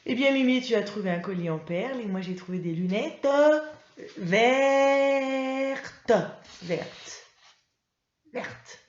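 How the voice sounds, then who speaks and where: A woman's voice: mid-range voice, lively intonation, fairly quick, few pauses, darkish tone. A woman teacher giving a reading lesson to young children, patiently spelling out letters and sounds. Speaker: primary school teacher. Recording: roomy, slightly dull sound.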